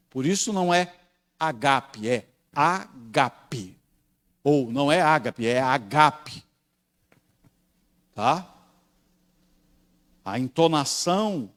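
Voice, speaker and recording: A man with a Brazilian Portuguese accent, a pastor teaching a Bible study class. He explains step by step, often checks in with his students and slows down to stress key words. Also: fairly high pitch.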